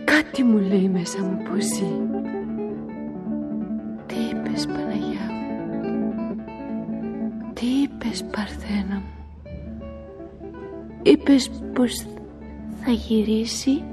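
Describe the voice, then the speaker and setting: A woman's voice: mid-range voice, pauses often, natural voice. An actress playing a young village woman who pleads in fervent prayer in a radio drama. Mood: pleading. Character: young village woman praying for her lost love. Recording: music playing underneath.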